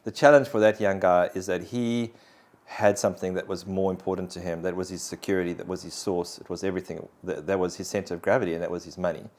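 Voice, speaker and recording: Deep-voiced man telling his story. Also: fairly even intonation, fast talker, a little mellow. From South Africa. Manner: earnest, reflective storyteller. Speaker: interview guest sharing faith story. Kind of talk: conversational personal testimony.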